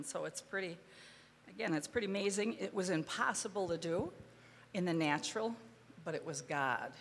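A woman's voice: medium pitch, slight background noise. A woman with a Wisconsin accent giving an earnest, faith-filled testimony to a church congregation. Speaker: guest missionary speaker. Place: church hall. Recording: reverberant hall, faint ambience.

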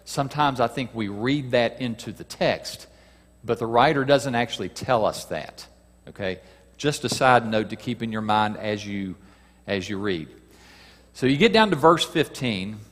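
A man's voice: mid-range voice, animated, a little slow, fairly bright tone. A man teaching a Bible lesson as a sermon, talking with the listeners in a conversational way, asking them questions and reading passages aloud. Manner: acts out quoted cries with a raised voice. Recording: long hall reverb.

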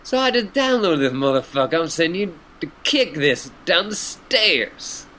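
A man's voice: fairly high pitch, big pitch swings, normal speed, bright, forceful tone, voice pushed up. A man voicing a laid-back, stoned male clown troll who drawls, swears and honks. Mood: mellow.

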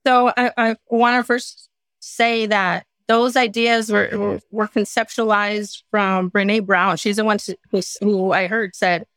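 A woman's voice: medium pitch, fairly even intonation, measured pace, a bit bright, dry recording. A woman from the California-Mexico border, a guest in an interview, talking with feeling and often repeating her words. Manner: emotional, repeats words, quotes others. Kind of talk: personal interview.

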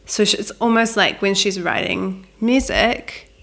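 A woman's voice: mid-range voice, measured pace. A young woman from New Zealand with a Kiwi accent, a wedding photographer chatting casually in an interview with lots of "like" fillers. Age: young adult. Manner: chatty, many "like" fillers, laughs easily. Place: flat at home.

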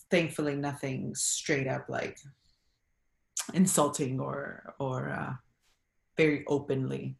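A low-pitched young woman from Los Angeles, talking as an interview guest. She chats casually and animatedly, laughing often. The sound is roomy and echoing. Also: gravelly. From Los Angeles, USA. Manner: animated, laughing, acts out quoted exchanges. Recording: roomy sound with construction noise.

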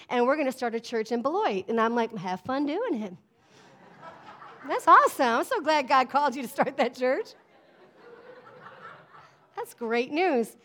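High-voiced woman preaching emphatically. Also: a bit bright. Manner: emphatic, call-and-response preaching with frequent "amen?". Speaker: pastor. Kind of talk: sermon.

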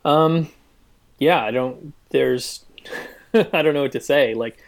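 A man chatting on a podcast as a guest, halting and full of ums and uhs, with a dry sense of humor, recorded in a cabin. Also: mid-range voice. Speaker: guest app developer. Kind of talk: casual podcast chat.

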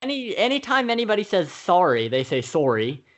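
A man's voice: high-pitched, big pitch swings, brisk, fairly bright tone. A man co-hosting a film podcast, talking casually and rambling with many fillers and restarts. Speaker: podcast co-host. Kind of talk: casual film-review chat.

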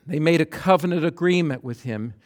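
Fervent preacher man, loud to hushed. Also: on the high side, fairly quick. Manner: emphatic, repeats phrases for effect. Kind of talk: sermon with scripture reading.

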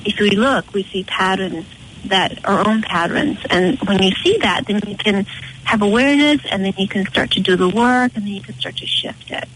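Female interview guest, west of Ireland accent, mid-pitched, thoughtful and sincere, conversational, with noise behind the voice. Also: moderate pace, fairly bright tone, poor audio. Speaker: interview guest, retreat leader.

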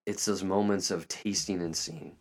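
A man's voice: low-pitched, fairly even intonation, moderate pace. A man hosting a podcast, talking earnestly and reflectively about faith, searching for words with frequent restarts and fillers. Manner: emotional, tearing up at moments. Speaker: podcast host. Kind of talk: reflective spiritual talk.

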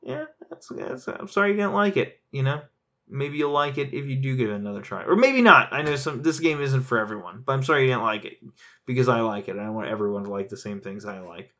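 A man's voice: mid-range voice, animated, brisk, fairly bright tone. Guy rambling about board games, lots of laughs and restarts, kinda dull lo-fi sound. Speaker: board game reviewer reading user reviews. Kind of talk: casual chat.

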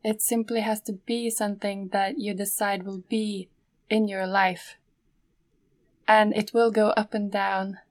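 A woman's voice: mid-range voice, level tone, a little slow, no echo. Dry-sounding woman hosting a podcast. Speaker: podcast host and cello teacher.

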